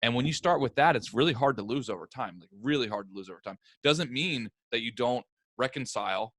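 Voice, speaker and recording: A man's voice: medium pitch, lively intonation, brisk, fairly bright tone, no room sound. A man hosting a podcast, talking in a casual, earnest and emphatic way. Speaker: podcast host.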